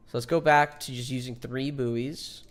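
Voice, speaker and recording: A man's voice: medium pitch, fairly even intonation, moderate pace, soft background music. A man in his twenties streaming a game, chatting casually and joking with viewers, swearing often. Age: 20s. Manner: laid-back, joking with chat, swears often. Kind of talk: casual live-stream chat.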